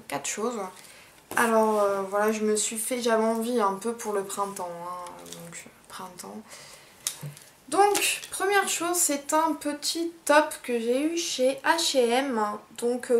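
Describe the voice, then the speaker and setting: Young woman, casual haul vlog, slow and chatty with lots of fillers, slightly high voice, faint background hiss. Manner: unhurried and chatty, many fillers. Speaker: beauty vlogger.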